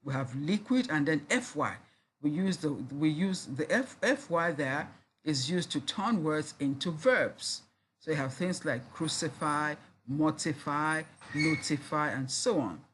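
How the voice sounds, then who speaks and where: Spelling out letters and repeating words to sound them out, a university lecturer moves slowly and deliberately through a recorded lesson. The mid-range voice is animated and a bit bright, against slight background noise.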